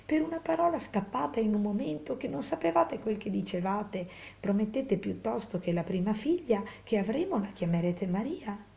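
A woman reading a story puts on a devoted young peasant man, pleading and urgent. The voice has a gravelly, mellow grain and comes through a slightly muffled recording. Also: mid-range voice, animated, normal speed. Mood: insistent.

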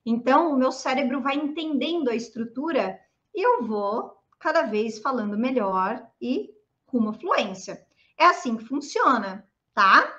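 A woman with a Brazilian Portuguese accent teaching English pronunciation online in a lively, chatty way, drawing out example phrases slowly. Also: sits high, lo-fi sound.

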